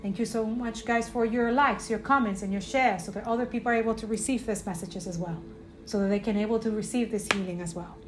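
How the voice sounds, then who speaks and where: A woman's voice: mid-range voice, fairly even intonation, quick pace, music in the background. A woman hosting a spiritual podcast, talking earnestly and rambling with many fillers and restarts, often tagging her points with "right?". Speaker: podcast host.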